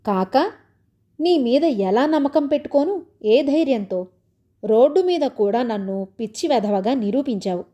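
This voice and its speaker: Sulky suspicious young husband in a storybook, sarcastic grumbling; a woman reads the part, mellow voice. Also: high voice, lively intonation, measured pace, highs cut off. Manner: complaining, sarcastic.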